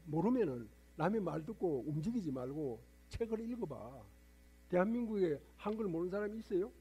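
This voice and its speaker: Husky, mellow-voiced monk lecturing a congregation. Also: male voice, sits high, big pitch swings, brisk. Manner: lecturing, rhetorical questions to congregation. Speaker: Buddhist monk preacher. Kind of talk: sermon. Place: temple hall with congregation.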